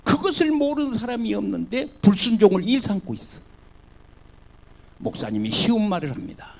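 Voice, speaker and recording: Animated, gravelly-voiced Korean pastor preaching. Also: male voice, high voice, normal speed. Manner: animated preaching, swinging from loud cries to soft murmurs. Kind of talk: sermon.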